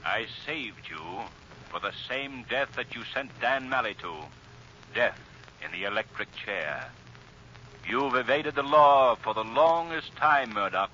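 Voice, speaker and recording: An actor playing a mysterious, righteous and mocking avenger with grave theatrical pronouncements in a 1930s radio drama. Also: male voice, mid-range voice, lively intonation, measured pace, bright, forceful tone, a little hiss or hum. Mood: grave, condemning. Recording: muffled 1930s radio recording with organ.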